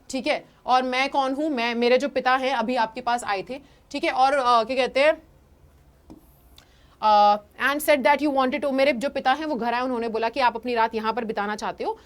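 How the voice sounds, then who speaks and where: A young woman teaching an English story lesson, telling it in a lively way and slipping into voices for the quotes. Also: high voice, a little fast.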